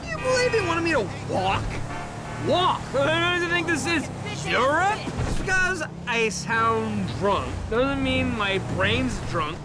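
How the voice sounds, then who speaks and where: A man's voice: very high voice, big pitch swings, slow, over loud music, heavily acted. An actor voicing a drunk, rowdy young man in a video game, slurred, boastful and rambling. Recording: game audio with loud background noise.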